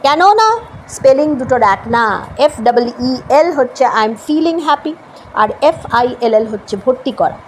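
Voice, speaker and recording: A woman with a Bengali accent teaching English, explaining step by step and slowing down carefully for each English example. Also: high-pitched, slight background noise, rough recording. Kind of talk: spoken language lesson.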